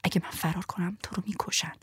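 A woman's voice: lowish voice, husky, dry recording. A woman voicing a bruised, fierce young woman urging escape, in a whispered role-play. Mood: urgent. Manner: urgent hushed pleading.

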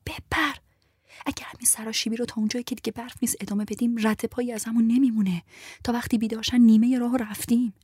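A woman's voice: on the low side, slightly rough, no room sound, studio quality. A woman voicing a bruised, fierce young woman urging escape, in a whispered role-play. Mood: urgent. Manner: urgent hushed pleading.

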